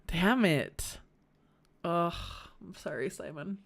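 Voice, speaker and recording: A woman's voice: on the low side, creaky. A woman live-streaming a farming game, chatting casually with viewers and reading their messages aloud, sympathetic and swearing freely. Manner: talks to chat directly, reads messages aloud.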